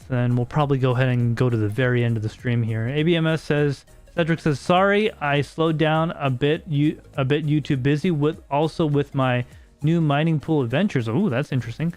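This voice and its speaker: With faint music behind him, an American podcast host talks fairly quickly in a fairly high voice with a darkish tone. On his casual livestream he chats with viewers, reads their messages, and often repeats words as he thinks aloud.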